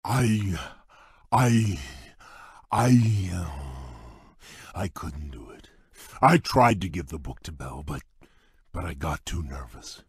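A very deep, husky-voiced beast prince in a video game, gentle and shy, with formal, halting speech. He talks slowly, his low voice rising and falling widely, recorded dry in a studio. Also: very animated, dry recording, full character voice. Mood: nervous.

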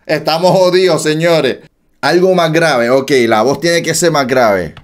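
A man's voice: on the high side, measured pace. A man hosting a prank call video, talking casually with frequent cursing and bursts of laughter. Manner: loud giggling fits, cursing. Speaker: host.

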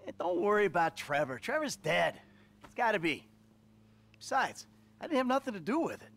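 A man's voice: high-pitched, sing-song, moderate pace, fairly bright tone, full character voice. An actor playing a cocky, sardonic middle-aged male ex-robber in a video game cutscene. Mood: wry.

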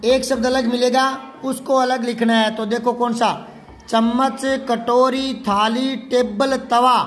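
High-voiced man teaching a patient lesson. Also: level tone, a little slow, a bit bright, faint music behind. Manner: patient, asks pupils questions and answers them; spells out words syllable by syllable. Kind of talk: classroom lesson explaining a worksheet.

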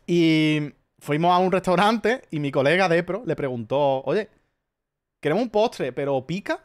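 A man with an accent from Spain, chatting casually as a streamer, telling rambling stories full of swearing. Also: on the high side. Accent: Spanish from Spain. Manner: profane, rambling storyteller. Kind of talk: casual chat.

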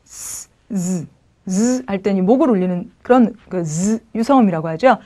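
A woman teaching German pronunciation to Korean learners, patiently saying each word slowly and then repeating it. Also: mid-range voice, animated, mellow. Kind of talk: pronunciation lesson.

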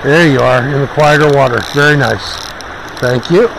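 An angler filming his own fishing talks casually to himself on a wooded river, muttering encouragement and exclamations in a gravelly, medium-pitched voice. Rushing river water makes the outdoor recording noisy.

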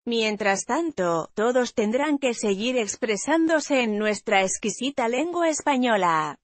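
A woman reading a news article aloud in an even, measured way, as a news voice-over. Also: on the high side, no echo. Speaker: news reader.

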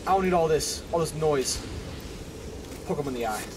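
A man's voice: fairly high pitch, lively intonation, moderate pace, background noise. A young man hosting a horror game let's play, chatting casually, swearing and getting scared. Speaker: gaming channel host. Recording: game music playing under the voice.

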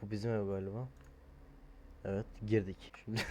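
A young man doing casual horror game commentary, joking and mumbling, then yelling in panic. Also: fairly low pitch, fairly even intonation, moderate pace, a little hiss or hum. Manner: jokey, swings from mumbling to loud panicked yelling. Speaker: gaming streamer.

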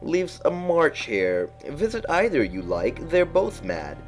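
Sly mad grinning storybook cat, pitched up, really draws words out, music behind. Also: male voice, huge pitch swings, exaggerated voice. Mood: sly, teasing. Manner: slow, drawn-out, swooping delivery. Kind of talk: storybook character voice.

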